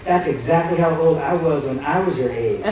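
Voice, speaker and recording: Recorded from a distance in a big, echoey cruise ship theater, a man performs as a stage magician at normal speed with a fairly high voice. His magic show patter teases and jokes with the crowd, punctuated by loud bursts of hype, while audience chatter, laughter and crowd noise fill the background.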